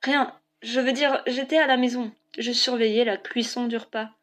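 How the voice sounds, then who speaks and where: A woman voicing an anxious young female oracle who speaks in a halting, unsure way in a storybook reading. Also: fairly high pitch, fairly even intonation, close to an everyday voice. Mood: uneasy. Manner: hesitant, halting and quiet.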